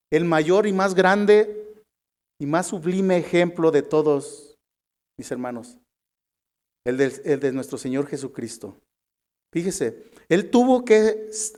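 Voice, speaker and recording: A male preacher with a Mexican Spanish accent delivers a sermon and reads scripture aloud. He speaks slowly and deliberately, in a fairly high voice. He keeps calling the congregation his brothers. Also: a little mellow.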